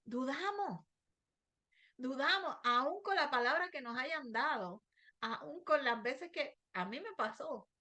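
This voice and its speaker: A middle-aged woman preaches a devotional message in a fairly high voice. She talks through her own trials in a personal, emotional way. She slows down and repeats her pleading phrases again and again. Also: animated, pushed and bright. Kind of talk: devotional sermon.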